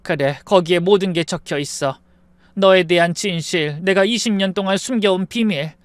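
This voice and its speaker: Dying elderly rich woman, gentle and remorseful, read by a man with a high voice; dry close audio storybook reading. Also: moderate pace, no room sound, natural voice. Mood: urgent, tender. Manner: soft, weary, apologetic speech.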